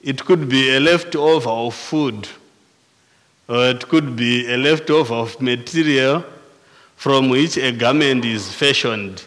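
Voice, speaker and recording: A male pastor with a Zimbabwean accent delivers a sermon at an unhurried, measured pace. He often restarts and repeats words mid-phrase. His voice carries a long reverb, as in a church hall. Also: mid-range voice, a bit bright. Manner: slow and deliberate, with frequent restarts and repeated words.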